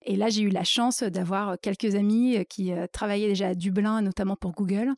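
A woman's voice: medium pitch, steady tone, a little fast, darkish tone, no room sound, studio quality. A woman guest in a casual interview, telling her career story with many fillers and acting out her own inner thoughts.

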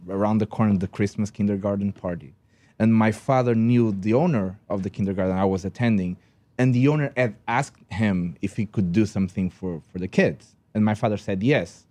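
A man's voice: fairly low pitch, moderate pace, mellow. A man from Portugal with a Portuguese accent, a magician telling his story earnestly on a podcast. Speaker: magician guest. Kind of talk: casual podcast conversation.

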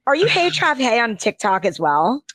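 A woman's voice: on the high side, very animated, normal speed, a bit bright, no room sound. Gushing woman podcast host. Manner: gushing, effusive, rambling with many fillers. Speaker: podcast host and beauty editor. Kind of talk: chatty podcast conversation.

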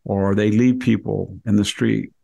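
A man speaking as a scholarly guest, explaining conversationally in an erudite, emphatic, digressive way with a gravelly, husky voice. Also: lowish voice, fairly even intonation, unhurried, mellow. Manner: erudite, emphatic, digressive, acts out imagined dialogue. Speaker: historian guest.

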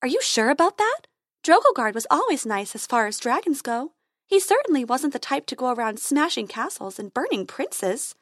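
Woman voicing a high, sweet tooth fairy. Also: sing-song, moderate pace, no echo, clean studio sound. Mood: worried. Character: kind, high-voiced female tooth fairy dentist.

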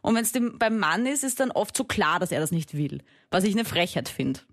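Frank, brisk woman radio host. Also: medium pitch, very animated, no echo, studio quality. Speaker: radio sex advice host. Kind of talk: advice call-in talk.

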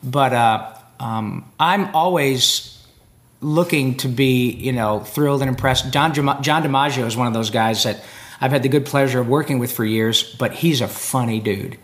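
This voice actor, a guest at a convention, speaks at normal speed in a mid-range voice. Chatting casually with an interviewer on the floor, he rambles through long, animated stories, restarting often and leaning on fillers.

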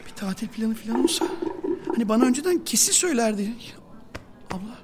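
An actress playing a frantic, clingy younger sister who talks in a whiny, tearful way. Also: female voice, on the high side, animated, fairly quick, heavy background noise, close to an everyday voice. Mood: anxious. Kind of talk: audio drama acting.

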